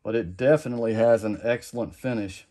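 Fairly quick and medium in pitch, a middle-aged custom lure maker chats through a how-to at his home workbench. He rambles in a relaxed, plain way, frequently repeating things and falling back on "like I said."

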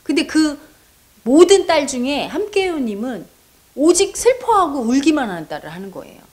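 A woman meditation teacher answers a viewer's question in a counseling talk, speaking straight to her with earnest, coaxing prompts. Her high, sing-song voice is a little mellow and moves at a moderate pace. She is persuasive and acts out quoted voices.

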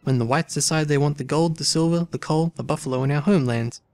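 A man's voice: fairly high pitch, quick pace, darkish tone, dry recording, natural voice. A man reading a proud, frank woman. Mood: earnest.

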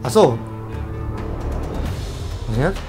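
A woman's voice: a bass voice, slow pace. Chatty lady gamer streaming, voice jumps all over, faint music under it. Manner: chatty, excitable, trails off and restarts. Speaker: game streamer. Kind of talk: casual live-stream chat while gaming.

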